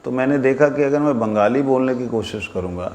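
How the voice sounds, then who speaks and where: A man's voice: mid-range voice, fairly quick, a little mellow. A man giving a spiritual discourse, recounting anecdotes in a conversational way with quoted dialogue. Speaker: religious speaker. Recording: echoey hall with faint background noise.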